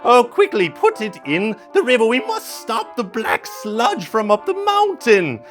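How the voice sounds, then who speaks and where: Puppet show: man voicing a shrill, bellowing river spirit, bossy, fiercely protective. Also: huge pitch swings, unhurried, faint music behind, exaggerated voice. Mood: shouting orders. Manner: shouting, barking orders, mocking laughter. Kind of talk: live puppet musical.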